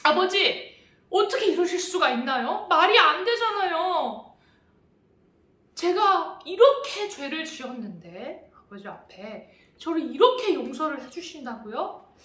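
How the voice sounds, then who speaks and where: A woman's voice: high-pitched, very animated, unhurried, a bit bright, heavily acted. A woman playing an ashamed pleading younger son. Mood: astonished. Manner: astonished, pleading. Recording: echoey church hall.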